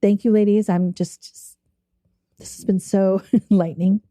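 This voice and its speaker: A woman hosting a podcast in casual chat, chatty and quick to laugh. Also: mid-range voice, no echo, clean studio sound. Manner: laughs often, animated and chatty. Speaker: podcast host.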